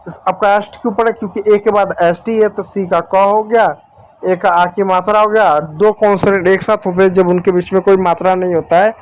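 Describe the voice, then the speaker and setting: High-voiced man teaching step by step. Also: steady tone, a little fast. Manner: patient, repetitive, addresses viewers as children and friends. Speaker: English teacher. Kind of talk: whiteboard lesson explaining spelling rules.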